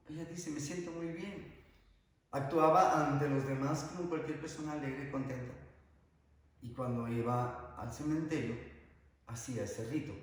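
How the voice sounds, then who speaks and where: A man, a priest giving an earnest, emphatic sermon told through stories. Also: mid-range voice. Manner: earnest, emphatic storytelling preacher. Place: church. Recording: very echoey church hall, mic far off.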